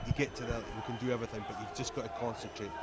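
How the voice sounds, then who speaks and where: A man's voice: mid-range voice, level tone, racing, a crowd in the background. A man giving live American football commentary as a co-commentator. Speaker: sports co-commentator.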